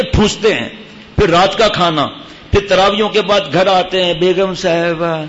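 High-voiced imam scolding his congregation. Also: fairly bright tone. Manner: scolding, rhetorical questions. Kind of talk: Friday sermon. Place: mosque. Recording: dull lo-fi sound with faint hiss.

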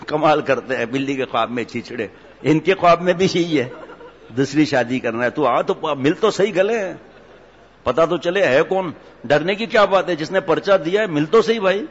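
A man's voice: on the high side, slight background noise. A man, a cleric giving a humorous sermon in a mosque, teasing his audience with jokes and stories. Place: mosque hall. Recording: echoey hall, dull lo-fi sound.

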